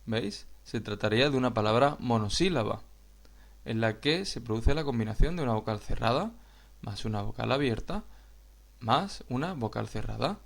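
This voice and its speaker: In a video lesson, a teacher with a Spain Spanish accent explains a grammar point slowly and patiently, addressing viewers directly. His middle-pitched voice sounds gravelly and creaky, with lively intonation.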